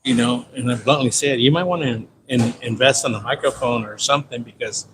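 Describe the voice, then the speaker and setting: A slightly fast, mid-range male voice belongs to a San Diego livestream host in his fifties. Speaking with a Californian American accent, he rambles casually, repeating himself in slangy stories. Noisy ambient sound is clearly present.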